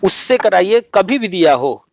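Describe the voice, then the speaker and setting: A man's voice: sits high, big pitch swings, a little slow, vocal fry, no room sound. A man hosting a channel, talking on a call, urging everyone to act in an emphatic, repetitive way. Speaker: channel host. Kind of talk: phone call chat.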